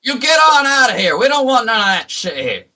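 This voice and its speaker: A man voicing a gruff male farmer local with a put-on Southern drawl, threatening strangers to leave town. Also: extremely high pitch, sing-song, a little fast, bright, forceful tone, pitched above the performer's own voice, exaggerated voice. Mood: hostile.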